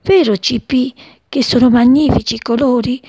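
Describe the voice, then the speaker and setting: A woman voicing a wounded little female sparrow in a children's story, high and pleading. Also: normal speed, warm tone, husky, no room sound. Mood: longing.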